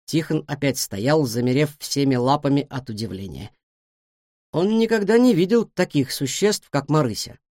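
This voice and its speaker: A woman narrating a children's story in a calm, expressive reading voice. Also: low-pitched, normal speed, no echo, clean studio sound. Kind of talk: audiobook storytelling.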